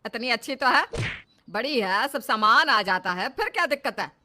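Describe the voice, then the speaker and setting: A woman's voice: a little high, lively intonation, moderate pace. A woman voicing a stubborn, scolding old mother-in-law in a cartoon story. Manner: scolding, sharp retorts. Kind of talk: cartoon dub.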